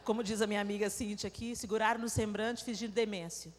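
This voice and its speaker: Speaking fast in a steady, mid-range voice, a preacher with a Brazilian Portuguese accent gives an emotional live sermon whose story rises into tearful outbursts. It was recorded live in a large church hall with long reverb, and slight background noise is present.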